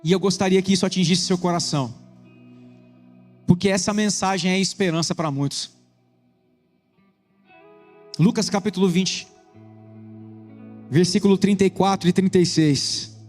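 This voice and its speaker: A man with a Brazilian Portuguese accent preaching a sermon with a personal testimony, earnest, moving between quick bursts and slow emphasis. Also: high-pitched, a little mellow, faint music behind. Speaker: pastor. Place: church hall. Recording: echoey church hall.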